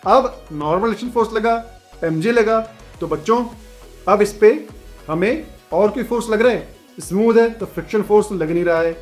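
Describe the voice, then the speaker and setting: Man teaching physics, high-pitched and chatty, faint music underneath. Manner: chatty, keeps asking "theek hai bachchon"; reads the question aloud slowly. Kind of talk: online physics lesson.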